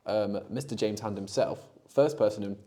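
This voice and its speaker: A young man hosting a student podcast in casual chat, laughing easily and trailing off quietly as he reminisces. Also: lowish voice, normal speed. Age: young adult. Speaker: podcast host.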